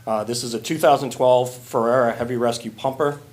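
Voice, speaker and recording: A man, a fire chief, presenting a request to a city council in a plain, halting way with many fillers. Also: mid-range voice, fairly even intonation, darkish tone.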